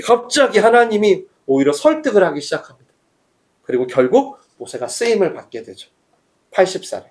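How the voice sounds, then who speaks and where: A man preaching a Sunday sermon as pastor, talking conversationally and asking the congregation questions. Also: fairly high pitch. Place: church service.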